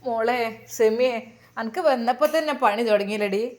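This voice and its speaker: A woman voicing a tender, devout elderly mother with a Malappuram accent, speaking slowly and fondly. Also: a little high, natural voice. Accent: Malappuram Malayalam.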